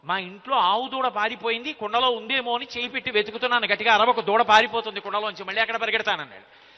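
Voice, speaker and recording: A man playing a clever young boy god caught stealing butter, rattling off quick, glib excuses. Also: very high-pitched. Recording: dull lo-fi audio with long hall reverb.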